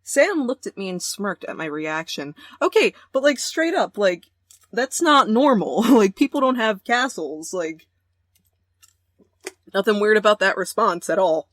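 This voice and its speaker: A woman's voice: medium pitch, sing-song, measured pace, a bit bright, no echo. A young woman playing a romance game, reading the story aloud and joking in slang. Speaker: let's play host. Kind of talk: game let's play, narration with commentary.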